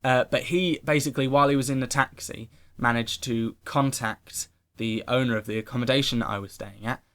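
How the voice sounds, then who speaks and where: A man telling a personal story to camera in an animated, excitable way. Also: mid-range voice, brisk. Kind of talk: casual storytime monologue.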